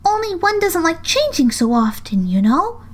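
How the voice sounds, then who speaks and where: A woman's voice: extremely high pitch, very animated, normal speed, pitched above the performer's own voice. A woman voicing a polite, anxious little girl who speaks timidly and pleads. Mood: pleading.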